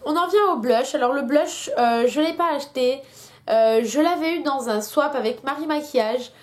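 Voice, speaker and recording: A young woman beauty vlogger with a high-pitched voice talks at a normal speed in a casual product review. She has a headache, and her chat is full of hesitations.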